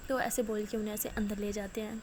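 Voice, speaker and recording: A woman's voice: mid-range voice, little pitch movement, darkish tone, a little hiss or hum. A woman narrating a story in a casual, retelling manner with frequent fillers.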